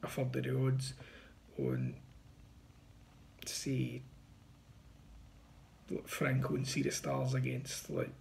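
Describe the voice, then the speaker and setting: Gravelly man giving betting tips. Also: medium pitch, very animated, slow, pauses often, darkish tone, a little hiss or hum. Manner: confident, chatty, pushing bets. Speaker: betting tipster. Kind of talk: casual to-camera tips. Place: small indoor room. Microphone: phone front camera at arm's length.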